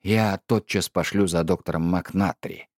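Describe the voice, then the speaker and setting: A man reading an audiobook, voicing a stiff, pedantic middle-aged husband who talks in a slow, measured, reproachful way. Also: low-pitched, lively intonation, a little mellow, no room sound, clean studio sound.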